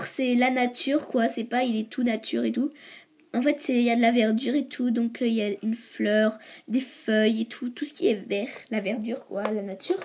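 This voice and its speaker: A teenage girl talks in a casual show-and-tell, stalling on fillers and repeating words as she searches for what to say. Her voice is slightly hoarse, pitched a little high and soft and mellow in tone. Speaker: video creator showing her polymer clay creations.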